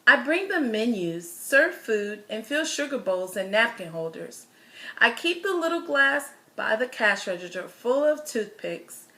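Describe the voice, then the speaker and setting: Her voice is fairly high as she narrates a children's picture book in a storyteller's manner. She leans on particular words and shapes each phrase with deliberate expression.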